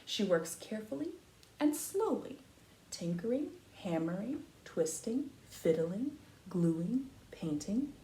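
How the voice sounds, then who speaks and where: A woman reading a picture book aloud to young children like a teacher, with expressive, emphatic phrasing and explanatory asides. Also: medium pitch, slow. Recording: echoey room, faint background noise.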